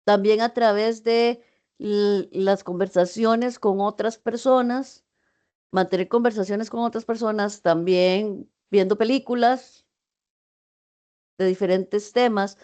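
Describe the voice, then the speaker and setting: A woman's voice: mid-range voice, steady tone, takes it slowly, darkish tone. Female lecturer, online class, explanatory delivery with hesitant fillers and self-corrections. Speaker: university teacher.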